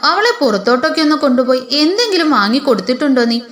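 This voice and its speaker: Lady voicing an anxious soft-spoken mom, high voice, echoey. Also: big pitch swings, quick pace. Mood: worried. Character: worried gentle mother, a woman. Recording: roomy echo.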